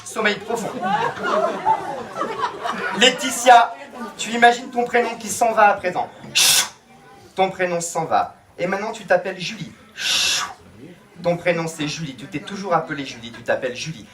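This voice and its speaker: A man working as a stage hypnotist at a campsite show, speaking into a handheld microphone, slipping between slow hushed trance commands and playful teasing. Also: high-pitched. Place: campsite entertainment outdoors. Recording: live audience crowd behind. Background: audience crowd.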